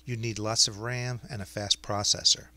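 A man narrating a scripted explainer as a software demonstrator. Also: lowish voice, flat delivery, normal speed.

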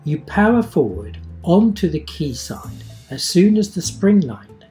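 A middle-aged man narrating a sailing lesson and travel vlog in a clear, instructive way. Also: sits high, sing-song, measured pace, mellow, soft background music. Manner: explanatory, instructive. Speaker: sailing vlogger.

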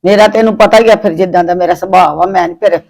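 A sharp-tongued, easily offended mother-in-law, played by a woman in a family web drama. Her voice is gravelly and her talk is a stream of indignant complaints. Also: lowish voice, fast talker.

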